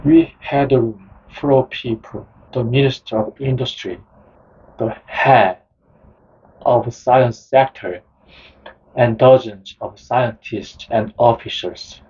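A man narrating a nonfiction book in the first person, in a slow, measured reading style. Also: medium pitch, a little mellow, slightly rough. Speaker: audiobook narrator. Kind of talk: scripted narration. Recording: dull lo-fi sound.

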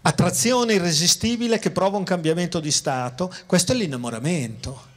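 A man with a fairly high voice lectures to an audience, talking to them directly. He often repeats and restarts his phrases, then slows right down to lean on the words that matter. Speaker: philosopher giving a public talk. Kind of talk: public lecture. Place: outdoor town square.

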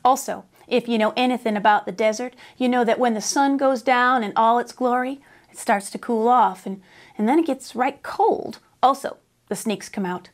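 A middle-aged American woman reads a children's story aloud indoors, captured on a lapel mic. Her voice is on the high side and her pace normal, with an expressive, drawling, folksy Western dialect.

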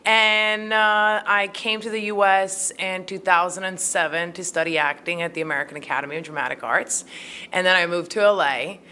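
A woman's voice: fairly low pitch, fairly even intonation, moderate pace, pushed and bright. A woman from Croatia in her thirties, a filmmaker answering interview questions in a chatty way with many fillers, into a handheld mic in a small room. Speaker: filmmaker and actor. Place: small room at a film festival. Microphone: handheld mic held by interviewer.

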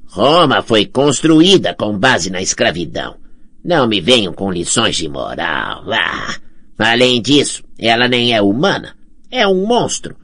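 A man's voice: fairly low pitch, sing-song, measured pace, fairly bright tone, pitched above the performer's own voice, heavily acted. A man voicing a greedy, scheming blind old man in an audiobook, sly and wheedling with theatrical swoops. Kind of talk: audiobook character voice.

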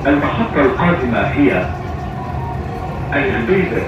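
Casting: a male train announcer on the loudspeaker. He is slow and formal, and his pitch rises and falls a lot. The sound is dull and distant. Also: big pitch swings, heavy reverb, heavy background noise. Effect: recorded train announcement over loudspeaker. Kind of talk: bilingual public transit announcements. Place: inside a moving metro train.

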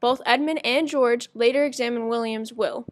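A woman's voice: a little high, fairly even intonation, moderate pace. A woman narrating a school project presentation, reading evenly from a script. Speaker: student presenter.

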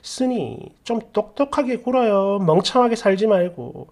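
A woman narrating a story for a story channel, then reading out viewer comments with opinionated, conversational asides. Her delivery is animated, with a wide and lively pitch range. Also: measured pace.

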